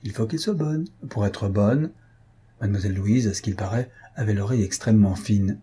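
Coy young bride, playful and bashful, voiced by a man; husky dark tone, for a storybook reading. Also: fairly low pitch, a little fast. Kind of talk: audiobook character voice.

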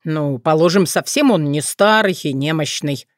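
A woman voicing a gruff young man who answers in low grumbling retorts. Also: normal speed, dry recording, clean studio sound, lightly acted.

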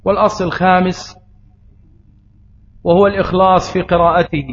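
A man with an Egyptian accent, a preacher, gives a religious lesson in a high-pitched voice, with flat, fairly quick delivery. He poses rhetorical questions and answers them on his own. The audio is a bit dull, with faint noise.

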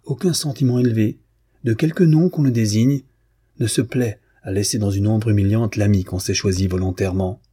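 Lecteur masculin jouant une jeune fille orgueilleuse et moqueuse, timbre sombre et voilé, ton dédaigneux. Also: male voice, fairly low pitch, normal speed, dark tone, breathy edge. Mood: scornful. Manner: cutting, disdainful. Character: proud young woman, scornful and calm.

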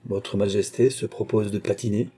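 Audiobook casting: man doing a serious, modest young soldier with a dark, husky voice. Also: on the low side, little pitch movement, moderate pace. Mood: earnest, grave. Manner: restrained, serious.

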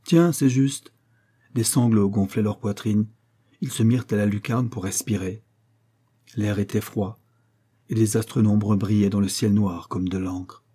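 A man narrating a classic novel as an audiobook, with measured, even reading. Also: fairly low pitch, husky.

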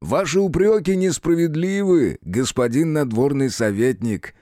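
A man voicing a senior male official who speaks slowly in a level, commanding way. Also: fairly high pitch, dark tone, dry recording, clean studio sound, pitched above the performer's own voice, lightly acted. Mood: calm. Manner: level, measured, authoritative.

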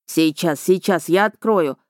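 A woman's voice: on the low side, unhurried, no echo, clean studio sound, lightly acted. A woman narrator voicing a timid grown son who mumbles and pleads with his mother. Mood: pleading.

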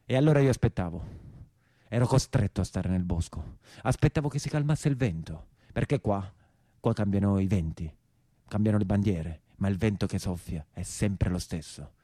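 A male actor voices an imprisoned, embittered peasant brigand in a theatrical monologue, using emphatic, repetitive southern Italian dialect. His voice sits on the low side, warm and at a moderate pace, lightly acted with a bitter, aggrieved mood. The recording is studio quality with no room sound.

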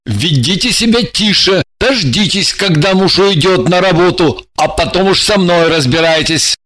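A woman voicing a calm, befuddled male stranger in an audiobook, lowering her voice. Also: normal speed. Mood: puzzled. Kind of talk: audiobook character voice.

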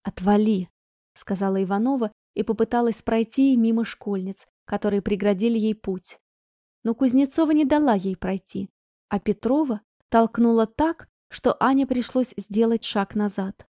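Woman audiobook narrator, steady and even, high-ish warm voice, dry booth sound. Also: moderate pace, no echo.

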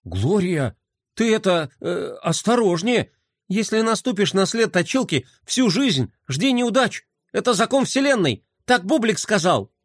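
A man voicing an anxious, superstitious young boy in a storybook reading, fretful and quick to panic. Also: high voice, no room sound, studio quality, voice pushed up.

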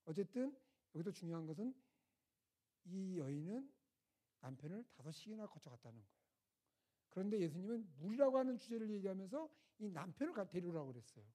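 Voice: medium pitch, sing-song, brisk, mellow, breathy edge. A preacher at a winter retreat, retelling a scripture story in a conversational way and putting rhetorical questions to the audience. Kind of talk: storytelling sermon.

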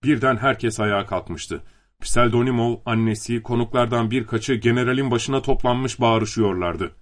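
Male audiobook narrator, measured and steady, plain reading voice. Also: medium pitch.

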